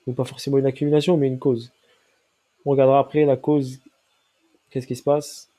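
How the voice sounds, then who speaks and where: A man talks through a trading chart in a very dark, mellow voice made nasal by a cold. His nose is clearly stuffed up. He explains step by step, middle-pitched, and keeps checking that listeners are with him. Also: little pitch movement, a little fast. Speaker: crypto trading analyst. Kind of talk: chart analysis walkthrough.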